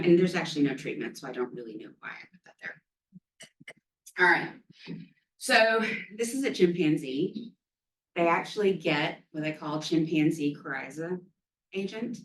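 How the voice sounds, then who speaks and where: A woman's voice: low voice, a bit bright. A woman giving an academic lecture on a virus, chatty with frequent ums and offhand self-deprecating asides, recorded in a lecture room. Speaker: infectious disease lecturer. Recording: roomy hall from far off.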